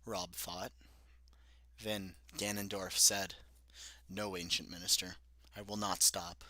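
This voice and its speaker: Taking it slowly, a young man with a low-pitched, level, bright yet forceful voice reads his own childhood story by himself. He laughs at the writing and adds self-deprecating remarks, and the recording has no echo.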